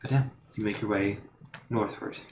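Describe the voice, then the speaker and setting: Fairly low-voiced male game master, roomy. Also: fairly even intonation, normal speed. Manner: rambling descriptions with many fillers and restarts. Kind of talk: narrating a tabletop game. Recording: roomy live stream with background noise.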